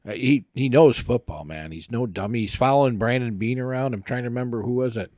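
A man's voice: mid-range voice, quick pace, darkish tone, dry recording, clean studio sound. A man co-hosting a casual sports chat, agreeable and easygoing, with casual swearing. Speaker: podcast co-host.

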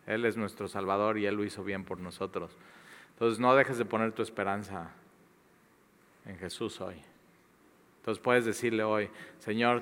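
A man preaches and prays in a low voice, hammering words through repetition. He swings between emphatic bursts and hushed, near-whispered lines. A long reverb from a large hall trails behind him. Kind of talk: sermon and closing prayer.

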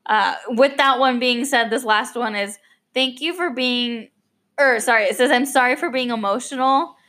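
A woman's voice: a little high, normal speed, a bit bright. A young woman hosting an unscripted podcast, rambling with lots of fillers and restarts, a little choked up. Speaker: podcast host. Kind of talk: unscripted casual podcast monologue.

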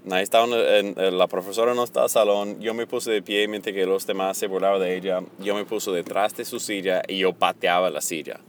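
A middle-aged man teaching on Bible words, earnest and slow, mixing a personal confession into his explanation. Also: deep voice, fairly even intonation, a little hiss or hum. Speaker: preacher.

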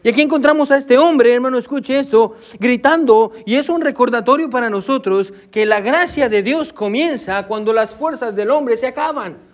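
A man's voice: very high voice, moderate pace. A male pastor preaching a sermon, with a preacher's cadence and frequent "amén" and "hermano" asides. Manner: code-switches with English "so".

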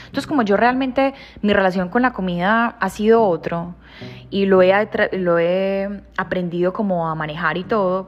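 A woman in her thirties giving a reflective motivational monologue, heartfelt and emphatic, sometimes dropping to a soft hush. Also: mid-range voice, highs cut off. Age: 30s. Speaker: personal growth speaker.

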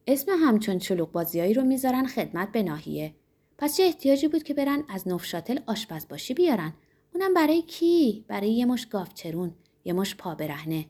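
A woman's voice: mid-range voice, mellow. A woman voicing a stout middle-aged innkeeper widow who grumbles scornfully, in a storybook reading.

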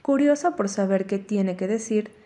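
A woman narrates a first-person novel as an audiobook, reading in a measured, unhurried way. Her voice is mid-pitched and mellow, with a soft, darker timbre.

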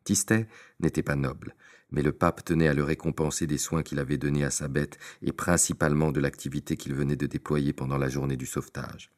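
A man with a very deep, low voice reading a classic story aloud. His narration is theatrical, leaning on words and shifting emphasis from phrase to phrase. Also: steady tone, fairly quick. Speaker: audiobook narrator.

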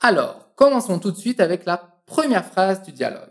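A woman teaching a French lesson, encouraging the listener and drilling phrases slowly and precisely for them to repeat. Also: medium pitch, sing-song.

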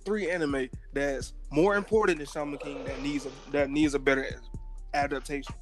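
A man's voice: on the high side, fairly even intonation, moderate pace, over music. A man co-hosting a podcast in casual chat, argumentative and teasing. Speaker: podcast co-host.

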